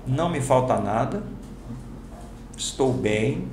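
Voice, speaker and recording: A man, a pastor, telling a personal testimony to a class, acting out each exchange in slangy, lively speech. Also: medium pitch, slow. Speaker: pastor and teacher. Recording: roomy hall with background noise.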